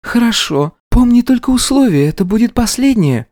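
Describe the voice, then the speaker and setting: A scheming young wife who coaxes and gives orders in a soft, high voice, as a male narrator puts her on. The voice swings up and down, and the recording is dry and close. The figure comes from a read-aloud crime story. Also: big pitch swings, normal speed, dry recording. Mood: coaxing. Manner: coaxing, insistent, soft high voice.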